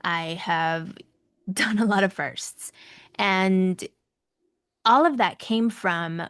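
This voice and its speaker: Speaking extremely slowly in a medium-pitched, slightly bright voice, this woman from Mexico City shares her story as an interviewed podcast guest. Her Mexican, Latin American accent comes through as she repeats phrases for emphasis in conversational storytelling, with no room sound.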